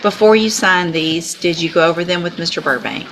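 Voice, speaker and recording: A woman judge with an American accent and a low-pitched voice presides in a courtroom. She speaks in a formal, procedural way, explaining each step. The recording is clearly noisy, with clicks. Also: fairly quick.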